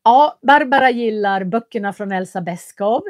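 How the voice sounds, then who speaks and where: A woman's voice: medium pitch, dry recording. Lady from doing a live stream, friendly chat, lots of ums, dry sound. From Köping, Västmanland, Sweden. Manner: chatty and friendly, with frequent hesitation fillers. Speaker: language teacher and livestream host. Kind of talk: casual livestream chat, reading viewer comments.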